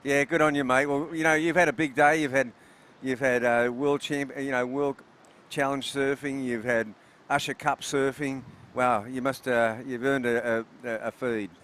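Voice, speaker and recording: A man's voice: medium pitch, fairly even intonation, a bit bright, a little hiss or hum. A man commentating a surf contest, enthusiastic and often restarting his words. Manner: enthusiastic, halting, repeats words. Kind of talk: live sports commentary interview.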